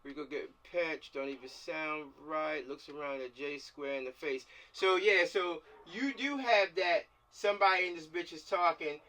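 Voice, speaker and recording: Over a video call with a distant mic, a man directs actors during a script table read, chatting casually in slang and often repeating himself to drive points home. He's a filmmaker whose slightly high, sharp-toned voice moves at a moderate pace with hardly any pauses.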